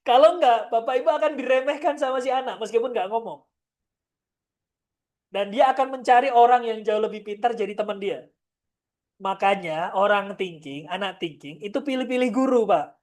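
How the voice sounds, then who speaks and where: A woman's voice: fairly high pitch, a little mellow. A woman giving a parenting seminar in a direct, firm manner, often turning to address the parents in the audience. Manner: acts out short parent-child exchanges. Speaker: parenting trainer. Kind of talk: seminar lecture.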